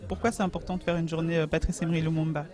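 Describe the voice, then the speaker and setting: A woman interviewer asking polite, clearly phrased questions at an event, speaking into a handheld mic in a large indoor hall. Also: sits low, level tone, rapid-fire, mellow.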